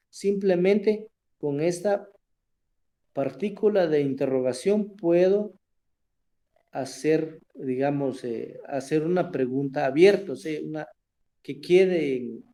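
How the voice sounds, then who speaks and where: A man teaching a language class online, explaining slowly and often checking in with his students. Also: on the high side, mellow. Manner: slow, explanatory, asks "verdad?" often.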